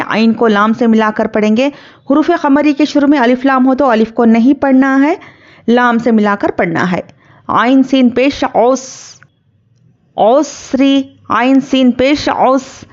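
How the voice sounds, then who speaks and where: A woman's voice: high-pitched, lo-fi sound. Patient woman teaching Quran recitation. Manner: patient, spells out letters and drawn-out recitation. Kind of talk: word-by-word tajweed lesson.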